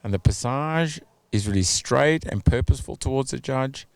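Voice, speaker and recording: A man giving measured, analytical commentary on a dressage test over video, hedging his judgments with "you know" and "a little bit". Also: mid-range voice, lively intonation, no echo.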